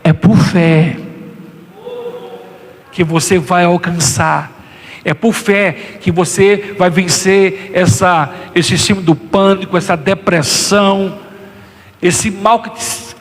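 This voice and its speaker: A Brazilian man preaching a sermon as pastor, impassioned and swinging into high, acted quotes. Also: measured pace, fairly bright tone, big-room sound.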